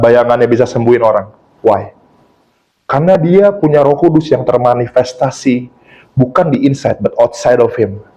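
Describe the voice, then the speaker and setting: A man's voice: medium pitch, lo-fi sound. A male pastor preaching a sermon in a church, telling stories with laughter and slipping English phrases into his talk. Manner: lively storytelling with laughter, mixes in English phrases.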